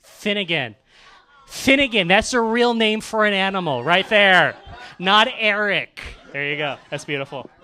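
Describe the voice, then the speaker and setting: A man's voice: high voice, animated, a little slow, pushed and bright. A man hosting a live comedy roast on a club stage, joking with the crowd and reading emails in mock voices. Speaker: comedian host. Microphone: handheld mic.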